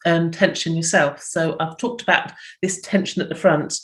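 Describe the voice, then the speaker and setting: A woman's voice: sits low, fairly even intonation, moderate pace. Middle-aged woman, physiotherapist, chatty explainer, voices little inner thoughts. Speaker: physiotherapist guest. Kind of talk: explaining health tips in an interview.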